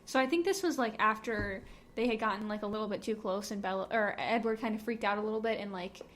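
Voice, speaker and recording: A woman's voice: mid-range voice, quick pace, a bit bright, a little hiss or hum. A woman co-hosting a casual book podcast, chatty and wry, often laughing. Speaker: podcast co-host. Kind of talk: casual chat about a book.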